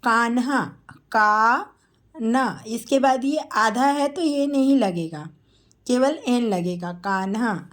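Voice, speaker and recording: A woman teacher works through a spelling lesson at a very slow, deliberate pace. Her voice sits a little high, and she stretches each name out syllable by syllable as she dictates it. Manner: drawn-out, syllable-by-syllable dictation of names.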